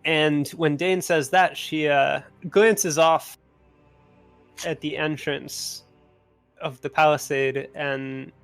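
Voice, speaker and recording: A man narrating as game master in a tabletop game, rambling with frequent pauses and restarts. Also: fairly high pitch, fairly even intonation, smooth, soft background music. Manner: rambling, many uhs and restarts.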